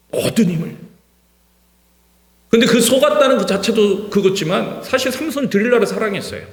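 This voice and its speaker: A male pastor preaching an impassioned sermon in a church, repeating words for emphasis and swinging from hushed to shouting. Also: sits high. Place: church sanctuary. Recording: reverberant church hall.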